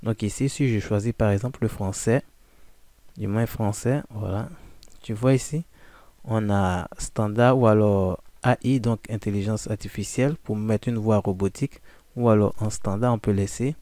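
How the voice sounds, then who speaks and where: Low dark-voiced man walking through software. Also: normal speed, no room sound. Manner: informal, addresses listener as tu, frequent "en fait" fillers. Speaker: software tutorial presenter. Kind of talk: casual screen-recording walkthrough.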